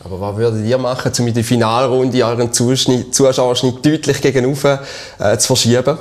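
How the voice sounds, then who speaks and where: A Swiss man in his thirties speaks at a medium pitch as a television sports host. He puts questions to a studio guest, close-miked on a lapel microphone. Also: fairly even intonation, fairly quick. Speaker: TV sports show host, interviewer. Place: small TV studio.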